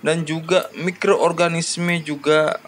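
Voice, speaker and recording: Male host, slightly high-pitched, giving a plain farming lesson with frequent fillers. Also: flat delivery, slow pace, fairly bright tone, a little hiss or hum. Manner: addresses farmers as "Bapak Ibu", frequent "ya" and "namanya" fillers.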